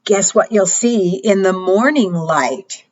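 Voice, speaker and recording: A woman reads to preschoolers in the manner of a kids' show host. Her mid-pitched voice moves slowly and swings widely in pitch, sing-song and coaxing, with questions for her young listeners. The recording sounds slightly dull and lo-fi. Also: expressive, darkish tone. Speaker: children's storytime host. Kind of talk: preschool storytime read-aloud with rhymes and counting.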